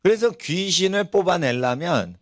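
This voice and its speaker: A middle-aged pastor with a high voice, speaking at normal speed, delivers a sermon in a church sanctuary. Telling stories with animation, he poses rhetorical questions to his congregation.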